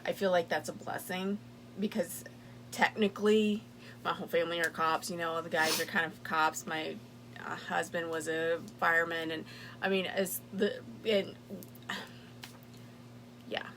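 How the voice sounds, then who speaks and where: A woman's voice: lowish voice, fairly even intonation, a little slow, long pauses, fairly bright tone, slight background noise. A woman co-hosting a podcast, talking candidly in casual chat. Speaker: podcast co-host.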